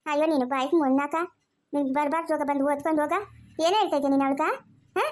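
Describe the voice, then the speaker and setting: A woman's voice: high voice, steady tone, racing, darkish tone, close to an everyday voice. A woman playing a furious scolding mother. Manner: scolding, cursing. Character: furious mother berating her husband. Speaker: actor in a family drama.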